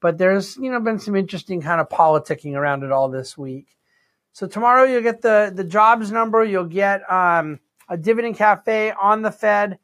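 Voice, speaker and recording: A man hosting an unscripted financial commentary, conversational, with deliberately stressed phrases. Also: high voice, a bit bright. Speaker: host and market commentator.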